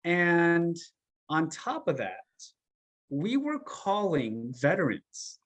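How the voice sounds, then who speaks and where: Higher-voiced man telling stories animatedly. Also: takes it slowly. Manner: animated, emphatic storyteller who acts out quotes. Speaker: coach, podcast guest. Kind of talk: conversational storytelling. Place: podcast interview.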